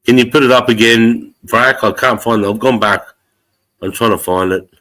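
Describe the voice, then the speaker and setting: A man's voice: mid-range voice, moderate pace, fairly bright tone, rough recording. An Australian man hosting a casual livestream, chatting in a blokey, slangy way with plenty of swearing. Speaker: livestream host.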